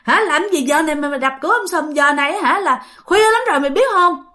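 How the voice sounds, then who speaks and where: A brusque village shopkeeper scolds and fires questions in quick bursts, as a woman narrator plays him. His speech jumps high and lively, bright and sharp in tone. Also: exaggerated voice. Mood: scolding, alarmed.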